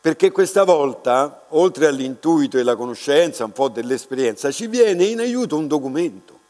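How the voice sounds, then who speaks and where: An older man, an art restorer, giving an unscripted lecture at a lectern, reflective and unhurried, pausing often and restarting his words. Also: fairly high pitch, expressive, a little mellow. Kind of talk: slow, unscripted lecture to an audience. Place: large dark lecture hall, standing at a lectern. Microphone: lectern microphone. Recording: reverberant lecture hall with mains hum.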